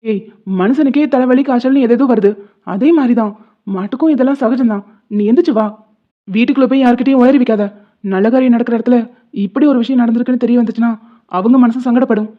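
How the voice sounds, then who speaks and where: A woman's voice: a little high, fast, natural voice. A woman voicing a stern middle-aged village-head husband who scolds and gives orders in a cartoon. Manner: scolding, commanding. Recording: tinny phone-like lo-fi sound.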